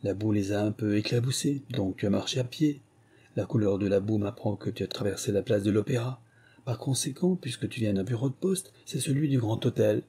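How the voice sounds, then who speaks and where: A man reading an audiobook and voicing a clever, confident young Parisian woman who plays detective, in a brisk, teasing manner. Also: on the low side, mellow, husky. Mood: explaining. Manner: brisk, teasing, deducing aloud.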